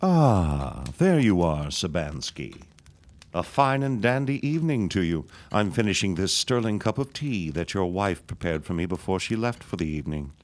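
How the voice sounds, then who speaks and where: A man with a low voice plays a conniving, vengeful old reverend in a period radio drama, his delivery pompous, florid, and sneering. He speaks at normal speed with big swings in pitch, his mood pompous and falsely genial.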